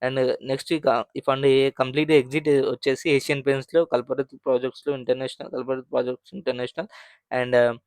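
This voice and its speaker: Man, finance host, clear smooth voice, dry close recording, chatty explanation with restarts. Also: mid-range voice, little pitch movement, fast, no echo. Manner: conversational, many fillers and restarts, mixes English terms. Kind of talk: explaining mutual fund data.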